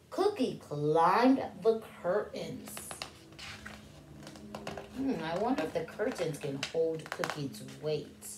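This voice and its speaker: Reading aloud at children's story time, a woman in her thirties speaks in a mid-range voice, lively and questioning, elongating key words for little listeners. An indoor echo fills the recording.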